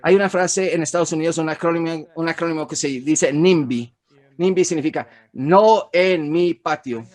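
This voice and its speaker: A man's voice: fairly high pitch, steady tone, brisk. A man, an economist, giving a frank, emphatic webinar presentation over slides, with some fillers and restarts. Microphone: webinar recording.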